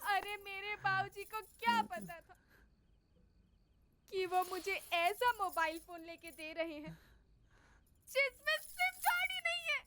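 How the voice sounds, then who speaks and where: A woman's voice: extremely high pitch, expressive, a little slow, pauses often, noisy background. An actress playing a fed-up young wife who scolds her husband and storms out. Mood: exasperated. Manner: indignant, scolding. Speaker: wife in a dream.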